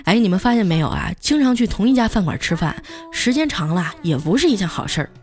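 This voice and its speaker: Soft music plays behind a woman with a mid-range voice and big pitch swings, talking fast. As a comedy storyteller host, she delivers scripted, chatty anecdotes built around punchlines.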